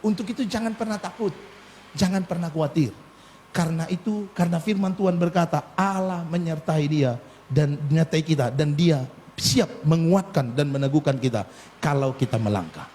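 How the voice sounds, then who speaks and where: A middle-aged man preaching a sermon as a pastor, animated and humorous, with frequent asides to the congregation. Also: high voice. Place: church.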